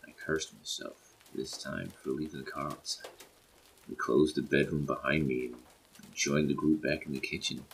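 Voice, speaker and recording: Gravelly, deep-voiced male horror narrator. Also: fairly even intonation, normal speed, a little hiss or hum.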